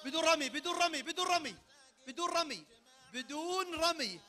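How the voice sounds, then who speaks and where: Saudi man, event game host, handheld mic; very high, piercing voice, lively and commanding. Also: brisk. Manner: energetic, barks sudden commands. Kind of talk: leading a party game for a crowd. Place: large event tent. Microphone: handheld microphone.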